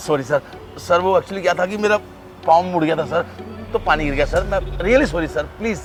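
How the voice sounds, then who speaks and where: A man's voice: high voice, moderate pace, faint music behind, natural voice. A man playing an elderly restaurant waiter who meekly apologizes and begs not to lose his job. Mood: apologetic. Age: older. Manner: meek, apologetic, begging. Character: elderly male restaurant waiter, humble and pleading. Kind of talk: web short drama acting.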